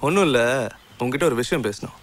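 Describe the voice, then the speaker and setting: A man's voice: medium pitch, expressive, fast, close to an everyday voice. An actor playing a sleazy, boastful young male blackmailer who leers and threatens. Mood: menacing. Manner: boastful, leering, menacing. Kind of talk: Tamil film drama. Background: film score music.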